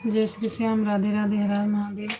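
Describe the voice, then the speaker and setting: A woman's voice: mid-range voice, monotone, brisk, noisy background. A woman hosting a casual live stream on her phone, greeting viewers by name and repeating devotional greetings.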